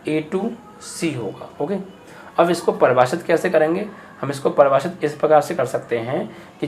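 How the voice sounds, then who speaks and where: A man's voice: fairly high pitch, a little mellow, a little hiss or hum. A man speaking, teaching a math lesson patiently, repeating each step and asking questions aloud. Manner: patient, repeats steps and asks rhetorical questions.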